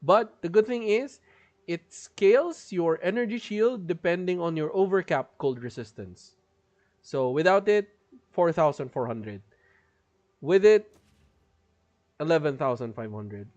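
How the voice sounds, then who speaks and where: A man with a slightly high voice streams a game live, chatting casually and explaining his build. His intonation is lively and his pace measured, with long pauses, a darkish tone and lo-fi sound. He laughs often, though his voice is strained and he keeps holding back a cough.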